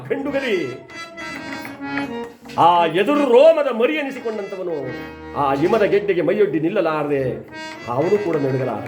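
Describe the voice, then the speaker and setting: A man's voice: high voice, expressive, normal speed, long pauses. A man performing a devotional story, singing lines, then narrating and acting out the dialogue with feeling. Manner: shifts between singing, narration and acted dialogue. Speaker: Harikatha storyteller. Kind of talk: sung and dramatic devotional storytelling. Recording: echoey hall with music.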